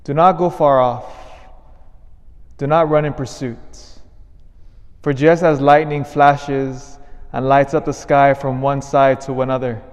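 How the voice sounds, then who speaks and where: A man's voice: mid-range voice, little pitch movement. A clergyman at Mass reads the Gospel and gives a homily in a large church, with a cathedral echo on his voice. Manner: measured liturgical reading, then a conversational homily with restarts.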